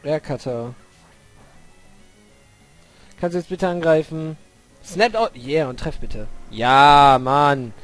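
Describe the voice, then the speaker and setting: Excitable man commenting on his game. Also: fairly high pitch, takes it slowly, pauses often, faint music behind. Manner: excitable, swears and shouts at the game; hums along while waiting. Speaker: Let's Play host. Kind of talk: gaming commentary.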